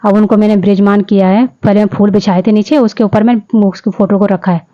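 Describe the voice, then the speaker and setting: A woman's voice: medium pitch, steady tone, fairly quick, highs cut off. A woman vlogger narrating her day in a casual voice-over, chatty, often restarting and correcting herself.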